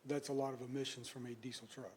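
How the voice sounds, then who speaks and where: A man's voice: mid-range voice, level tone, quick pace, a little hiss or hum. Matter-of-fact man explaining to council. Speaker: utility official answering council questions. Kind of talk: explanatory answers. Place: city council chamber.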